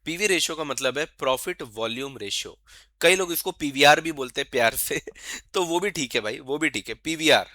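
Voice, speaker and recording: A man giving an exam-prep lecture, coaxing his students and asking questions he answers himself, and slowly reading out formulas as he writes them. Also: fairly high pitch, expressive, pushed and bright, no room sound. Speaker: teacher.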